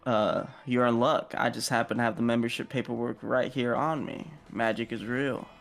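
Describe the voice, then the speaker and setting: A man voicing a gloomy, depressed young male vampire with a flat, sleepy drawl. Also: mid-range voice, normal speed, creaky, faint music behind, voice pushed down, close to an everyday voice.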